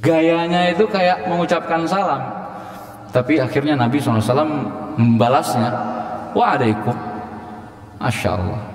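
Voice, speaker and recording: A man teaching a Quran exegesis lesson, talking in a lively way and acting out the greetings he quotes. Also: on the high side, a little fast. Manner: lively, acts out quoted greetings with shifting intonation. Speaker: Islamic teacher. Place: Islamic boarding school hall. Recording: echoey hall with long reverb.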